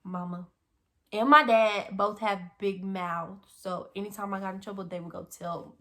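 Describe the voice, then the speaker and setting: Young woman telling a lively storytime. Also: medium pitch, normal speed. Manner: animated, swings from loud outbursts to hushed asides. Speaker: vlogger. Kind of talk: casual storytime monologue.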